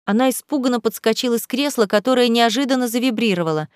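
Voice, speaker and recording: A woman's voice: medium pitch, lively intonation, fairly quick, smooth, dry recording, clean studio sound. A woman reading a novel aloud as narrator, telling the story steadily and evenly. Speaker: audiobook reader. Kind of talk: scripted narration.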